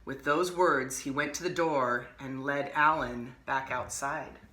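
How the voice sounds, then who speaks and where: A woman hosting an art lesson, reading a picture book aloud with expressive, animated storytelling and casual asides. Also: very deep voice, a little slow, echoey room. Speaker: art teacher and host.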